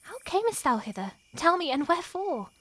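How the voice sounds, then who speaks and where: A woman performing a lovestruck, wary young noblewoman in a Shakespearean scene, her delivery moving between hushed and impassioned. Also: extremely high pitch, sing-song, brisk, no room sound, heavily acted. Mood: longing. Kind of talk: Shakespearean stage acting.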